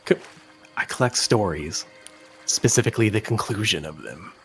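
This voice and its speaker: A man playing an aloof, misunderstood male librarian and story collector in a tabletop game, hesitant and condescending, with a husky voice. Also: fairly low pitch, expressive, moderate pace, faint music behind. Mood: hesitant, earnest.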